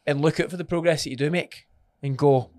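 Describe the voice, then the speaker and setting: A man's voice: on the high side, fairly even intonation, brisk, darkish tone, no echo. A man with a broad Scottish accent co-hosting a fitness podcast as a trainer, chatting casually, blunt, sweary and encouraging.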